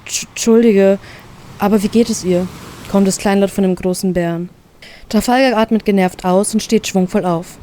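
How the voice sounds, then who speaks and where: A woman reading aloud a fanfiction story in first person, narrating calmly and evenly. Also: medium pitch. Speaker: fanfiction reader.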